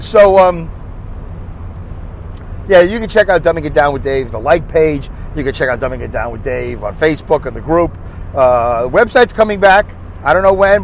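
Driving along a highway, a Brooklyn-accented man with a slightly high voice rambles through his solo podcast. He's talkative and self-mocking, forever asking himself rhetorical questions. Faint road noise from inside the car sits behind him.

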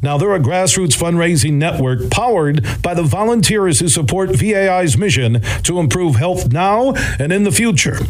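A man's voice: high voice, expressive, normal speed, poor audio. A man, a radio host, reading scripted sponsor ads. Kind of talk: scripted ad read. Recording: loud music bed.

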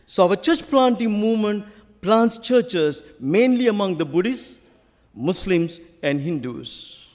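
Man, Sri Lankan accent, high animated voice, emphatic preacher, storytelling sermon. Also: slow pace. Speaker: visiting preacher. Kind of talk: sermon with storytelling and scripture reading. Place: large church hall, preaching to a congregation. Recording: hall reverb from a church PA.

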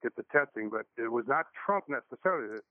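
A man phones in to a talk radio show and talks quickly. He is polite and explains his point in detail. His voice comes through a tinny phone connection. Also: medium pitch, expressive, no echo. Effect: over the phone. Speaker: radio call-in caller.

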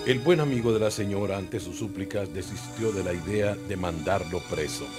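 A man's voice: low voice, normal speed. A man with a Honduran accent who narrates and directs a radio drama in a formal announcing style. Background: music.

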